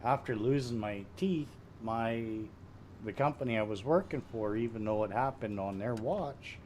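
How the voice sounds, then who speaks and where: A man missing his two front teeth, chatting casually and matter-of-factly in a rambling way as he live-streams a video game. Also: medium pitch. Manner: rambling, unhurried, matter-of-fact. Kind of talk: casual live-stream chat while gaming. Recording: steady background noise.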